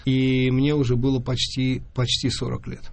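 A man's voice: medium pitch, completely flat delivery, moderate pace, creaky. Earnest man in his fifties. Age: 50s. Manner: earnest, restarts words often. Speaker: conductor. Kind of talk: interview answers.

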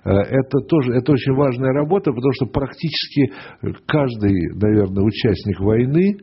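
A man's voice: medium pitch, expressive, a little fast, slightly rough. A man hosting a conversational radio interview, leisurely and searching for his words, sometimes breaking in on his guest. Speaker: radio talk show host. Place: radio studio. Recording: dull lo-fi radio broadcast.

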